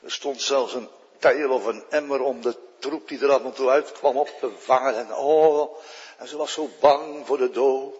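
A man preaching a sermon as pastor, swinging between loud exclamations and hushed storytelling. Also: mid-range voice, fairly even intonation, moderate pace, breathy edge. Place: church. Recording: dull sound, long hall reverb in a church.

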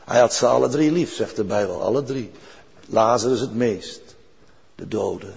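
A man's voice: on the low side, moderate pace, gravelly, darkish tone, husky. An older man preaching a sermon in an earnest way, repeating key phrases for weight. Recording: dull recording with long church reverb.

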